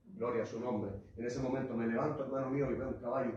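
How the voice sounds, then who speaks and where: A man preaching an impassioned sermon, his voice swinging between fervent cries and hushed asides as he keeps calling out to his congregation. It comes from a distance in a large church hall with heavy echo, and the sound is a little dull. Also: medium pitch, steady tone, fast talker, slight background noise. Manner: addresses the congregation as "hermano" and "iglesia". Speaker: pastor. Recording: echoey hall, voice far from the mic, muffled.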